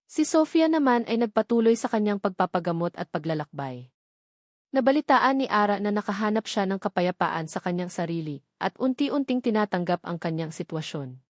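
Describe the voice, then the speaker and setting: With a Filipino accent, a woman narrates a scripted romance story. Her medium-pitched voice is a little mellow, and the recording is dry with clean studio sound.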